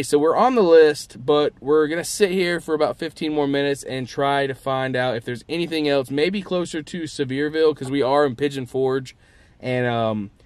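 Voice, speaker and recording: A man's voice: mid-range voice, clear, resonant tone. A young man, chatting casually to camera in a travel vlog, upbeat and full of fillers. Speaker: vlogger.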